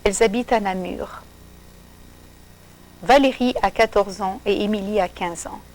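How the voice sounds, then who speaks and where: A woman narrating a simple storybook for learners, reading slowly and clearly in short sentences. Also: medium pitch, a little mellow, rough recording.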